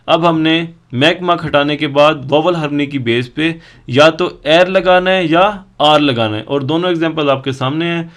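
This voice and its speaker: A man teaching a language lesson, patiently explaining grammar and drilling word forms slowly one at a time. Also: fairly high pitch, fairly bright tone. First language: Urdu.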